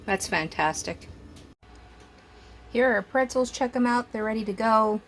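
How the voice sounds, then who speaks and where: A woman's voice: fairly high pitch, unhurried, a bit bright, slight background noise. A young woman hosting a home cooking vlog, chatty and enthusiastic as she taste-tests her baking. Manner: chatty and enthusiastic, talks while chewing. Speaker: food vlogger. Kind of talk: casual cooking demo and taste test.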